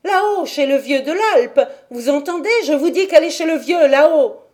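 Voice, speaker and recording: Insistent, defensive young woman, raised high voice, read by a woman narrator. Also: animated, normal speed, a little mellow, natural voice. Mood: agitated.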